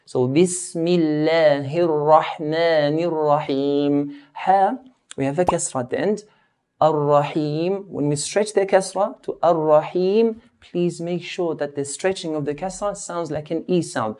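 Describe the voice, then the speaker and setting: A man giving a recorded tajweed lesson as a Quran recitation teacher, patiently repeating each sound and slowing down to demonstrate it. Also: fairly high pitch, dark tone.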